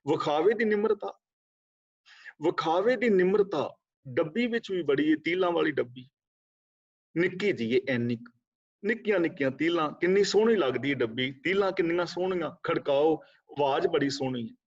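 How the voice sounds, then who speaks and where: A man teaching a scripture class, reciting verses slowly and then explaining them in a conversational way. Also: a little high, expressive. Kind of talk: religious discourse class. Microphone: video call. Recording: dull lo-fi online call audio.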